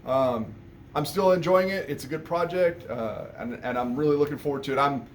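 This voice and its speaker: A man's voice: on the high side, brisk, slight background noise. A man who owns an auto repair shop, talking casually in a rambling way about what's going on at his shop. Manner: rambling, conversational, many restarts and fillers. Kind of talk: casual shop update vlog.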